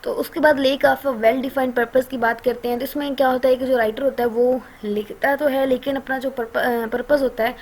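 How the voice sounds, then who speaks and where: Pakistani lady teaching an english course, kinda high voice, keeps pausing to check in. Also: steady tone, a little mellow, husky. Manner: conversational, frequent "ठीक है" check-ins and filler pauses. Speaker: online lecturer. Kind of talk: explaining a course lecture.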